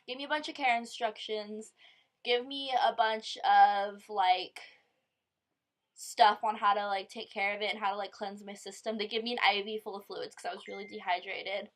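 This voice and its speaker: A young woman vlogger tells a personal story to camera in a casual style, with a mid-range voice, fairly even intonation and normal speed. She swears, fills her speech with lots of "like," and quotes other people in her own voice.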